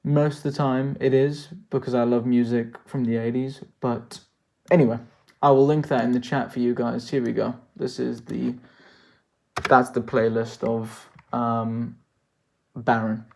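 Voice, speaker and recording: A man's voice: medium pitch, level tone, unhurried, gravelly, darkish tone. A man from South Africa chatting loosely through a live-stream Q&A as a worldbuilding creator, thinking aloud with jokey asides. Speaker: worldbuilding creator answering chat.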